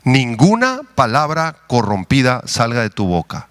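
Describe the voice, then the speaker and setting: A male pastor delivers a sermon at a slow, deliberate pace, his pitch swinging widely for emphasis. He guides listeners through prayer and scripture. The sound is dry and close. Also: very animated, a bit bright, clean tone, no room sound. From Mexico. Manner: preaching with slow deliberate emphasis, leading the congregation in prayer and reading. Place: church.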